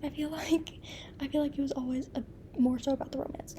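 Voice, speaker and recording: Speaking quickly with a high pitch and fairly even intonation, this book vlogger gushes softly, often in a near-whisper, as she reviews books in a casual chat. She's coming down with a cold and losing her voice, and a little hiss or hum sits under the audio.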